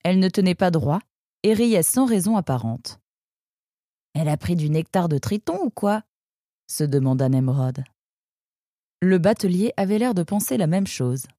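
A woman narrating a children's animal story with an expressive reading. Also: deep voice, no room sound, clean studio sound.

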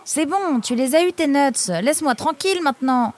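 A woman voicing a furry male creature who frets and protests in a raised, excitable voice. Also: high voice, moderate pace, a little hiss or hum, voice pushed up. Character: big furry male creature, fretful and touchy.

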